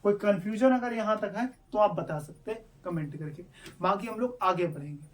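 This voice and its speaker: Hindi teacher drilling vowel sounds. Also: male voice, high voice, normal speed, recorded from a distance. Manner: explains step by step, asks and answers his own questions. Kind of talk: online exam-prep lesson.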